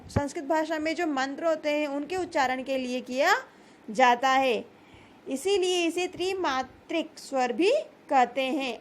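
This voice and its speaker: A woman teaching a grammar lesson, patiently repeating key terms and asking questions that she then answers herself. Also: high voice.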